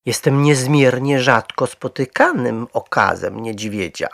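A man's voice: on the high side, expressive, measured pace, no echo, studio quality, voice pushed up. Man voicing a small, very polite bear. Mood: dignified. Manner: quiet, clear, courteous and dignified.

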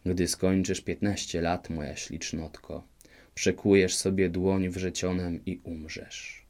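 A man's voice: fairly low pitch, animated, normal speed, darkish tone, lightly acted. A man voicing a sour, spiteful old female fairy who grumbles curtly and menacingly in a storybook.

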